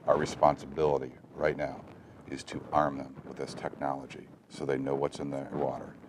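A man in his forties explaining things as an expert guest in an earnest, deliberate way. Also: rumbling low, monotone, noisy background. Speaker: guest expert on water testing. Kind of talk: explanatory interview talk. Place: indoor studio set lined with bookshelves. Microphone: lapel mic.

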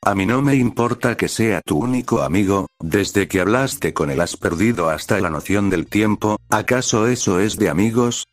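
A man voicing a hot-tempered, protective older sister who scolds and shouts. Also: lowish voice, normal speed, few pauses, no echo, soft background music, natural voice. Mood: angry.

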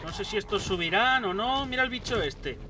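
A young man giving excitable let's play commentary, swearing often and talking back at the enemies on screen. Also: high-pitched, fairly quick, distant mic, background noise. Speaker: gaming YouTuber. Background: gunfire and game sounds.

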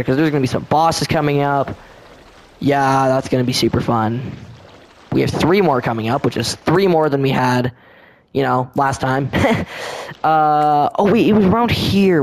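A man giving casual let's-play commentary, chatty and excitable, often talking straight to the enemies on screen. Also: on the high side, moderate pace. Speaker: gameplay commentator.

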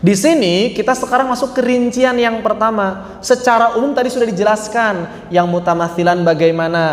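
Lively man teaching in an echoey hall. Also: high voice. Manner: lively, asks the class questions and answers them himself; spells out letters slowly. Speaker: tajwid teacher. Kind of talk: casual lecture. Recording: echoey room with long reverb.

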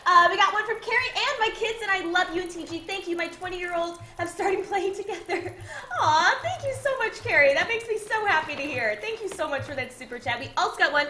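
A woman's voice: extremely high pitch, animated, a little fast, hardly any pauses, sharp tone, roomy sound, slight background noise. A woman streaming a survival game with her partner, chatting casually and thanking viewers with bubbly, jumpy exclamations. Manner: bubbly, reads donations aloud, jumpy exclamations. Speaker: gaming streamer. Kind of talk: casual let's-play chat.

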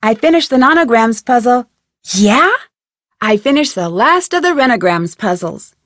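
At a normal pace, a woman delivers single scripted lines as a polite, curious young amateur detective in a game, her fairly high, animated voice a bit bright. Her questions are friendly and clearly articulated, and the studio-quality recording has no echo.

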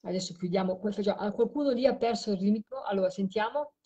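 A woman's voice: mid-range voice, quick pace, dark tone. A tired woman hosting a late live stream, talking to a caller while she replays audio clips. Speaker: host of a live show on spirit voice recordings.

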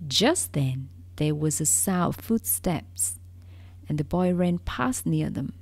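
A woman reads a soothing bedtime story in a soft, half-whispered voice, slow and unhurried. Her low-pitched narration still rises and falls with lively expression. The sound is dry and close. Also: husky, no room sound.

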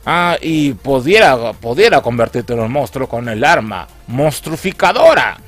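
A man doing a slow sly old hunter. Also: medium pitch, very animated, a bit bright, faint music behind.

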